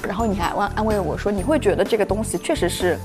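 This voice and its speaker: A woman chatting on a watch-along panel, emotional and animated, often restarting her sentences. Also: medium pitch, quick pace, music in the background. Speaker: reality show cast member on a watch-along panel. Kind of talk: casual chat.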